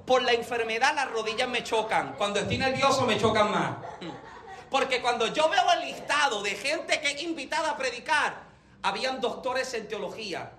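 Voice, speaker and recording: Man preaching in a church, really high voice, roomy echo, keeps asking the crowd if they follow. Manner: animated storytelling, often calls out to the congregation. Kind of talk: sermon.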